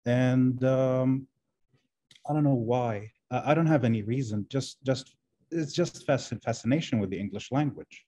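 A man's voice: mid-range voice, a little slow, warm tone. A Kuwaiti man in his forties whose first language is Arabic, answering interview questions over a video call in a hesitant way, with many fillers and restarts. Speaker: guest, translation professor. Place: indoor room.

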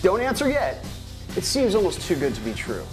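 A man delivers an infomercial sales pitch in an exaggerated, emphatic style. His intonation swings widely as he pushes the offer, with faint music underneath. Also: huge pitch swings, moderate pace. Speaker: infomercial host. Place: small indoor room, speaking to camera.

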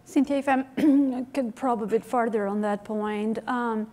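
A woman's voice: fairly high pitch, unhurried, warm tone. A woman in her forties moderating a panel on a conference stage, asking long questions with restarts and hedges into a lapel mic.

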